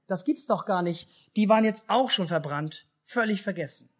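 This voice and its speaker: A man with a German accent telling a children's Christmas story in a church service, speaking lively and asking the children questions. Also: high voice, normal speed. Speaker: pastor.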